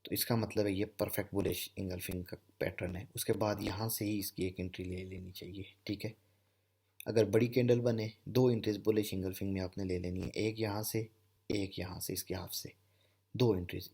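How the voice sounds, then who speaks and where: Man, trading instructor, husky gravelly voice, patient step-by-step explaining. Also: low voice, darkish tone. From Pakistan. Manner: explanatory, repeats "theek hai" often. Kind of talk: screen-share trading lesson.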